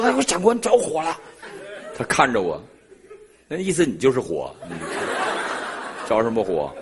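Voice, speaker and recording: A middle-aged man preaching and telling a personal story in an animated way, laughing often. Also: medium pitch. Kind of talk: sermon testimony storytelling.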